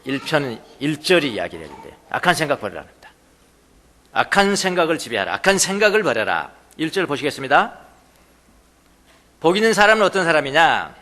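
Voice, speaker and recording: A man's voice: fairly high pitch, very animated, a little fast, pushed and bright, in a large hall. A man preaching a sermon as pastor, emphatic, repeating key words and putting questions to the congregation. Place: church sanctuary.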